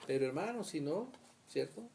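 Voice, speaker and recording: A man's voice: on the high side, animated, moderate pace, gravelly, dark tone, a little hiss or hum. A man from Colombia leading a conversational Bible study, often checking in with his listeners and acting out small everyday scenes. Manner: asks "¿cierto?" often, acts out little scenes. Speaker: Bible teacher.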